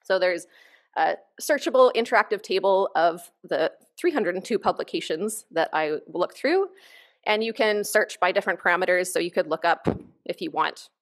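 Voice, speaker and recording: A woman researcher giving a conference keynote from a lectern, explaining her work in an enthusiastic, informal way. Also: mid-range voice. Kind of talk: conference presentation. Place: conference hall stage, at a lectern.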